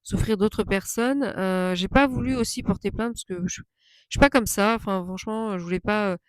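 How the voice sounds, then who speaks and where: A woman's voice: mid-range voice, normal speed, no room sound. A woman vlogger chatting casually as she tells a personal story, indignant and emphatic, often repeating phrases for stress.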